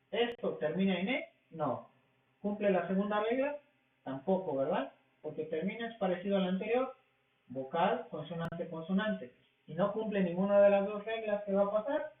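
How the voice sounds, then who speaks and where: A man teaching a language class, explaining rules slowly and asking questions that he answers himself. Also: high-pitched. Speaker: English teacher. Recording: tinny, echoey, from far off the mic.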